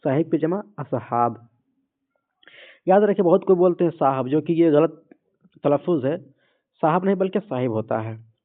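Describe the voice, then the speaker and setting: A man patiently teaching a word list, saying each word and repeating it slowly. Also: a little high, lively intonation. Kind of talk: vocabulary lesson. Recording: phone-like lo-fi audio.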